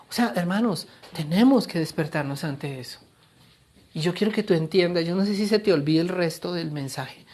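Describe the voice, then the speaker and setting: A middle-aged male pastor giving a sermon, with an animated, playful delivery that acts out other voices. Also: a little high.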